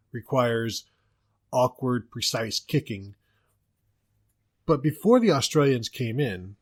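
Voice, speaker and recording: A man with an American accent hosting a casual sports podcast, joking and rambling through asides. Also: mid-range voice. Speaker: podcast host.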